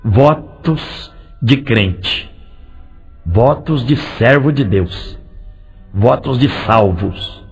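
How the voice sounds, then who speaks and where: A male pastor preaching a lively sermon, firing direct questions at the congregation and swinging between loud and soft delivery. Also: medium pitch, extremely slow, creaky, breathy edge. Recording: dull lo-fi recording with faint music.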